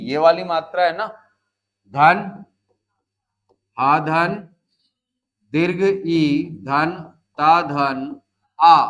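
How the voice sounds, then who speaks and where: A man from India teaches a class at an unhurried pace, his voice sitting slightly high. He breaks each word into its parts and counts them aloud, prodding students with brief questions and prompts. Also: a bit bright. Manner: slow, deliberate spelling out and counting aloud; coaxes students with short prompts. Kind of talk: classroom lecture.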